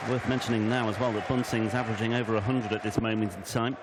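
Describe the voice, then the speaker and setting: A man commentating on darts, measured and full of statistics. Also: lowish voice, steady tone, very noisy. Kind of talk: sports commentary. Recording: commentary over loud arena crowd.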